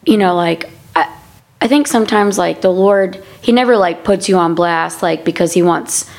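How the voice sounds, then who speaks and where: A woman in a casual faith-centred conversation in a church prayer room, speaking in halting, circling sentences. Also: on the low side, gravelly, darkish tone. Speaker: podcast conversation partner.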